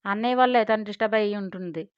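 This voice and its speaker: A woman's voice: mid-range voice, very fast, clean tone, no room sound, natural voice. A woman voicing a frank, affectionate young woman who is the family's daughter and sister-in-law, in a storybook reading. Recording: dull lo-fi dry recording.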